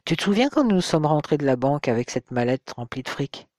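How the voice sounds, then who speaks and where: A man reading the part of a mocking, bitter young man with a slow, taunting way of talking. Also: a little high, sing-song, a little mellow, dry recording, clean studio sound. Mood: gloating.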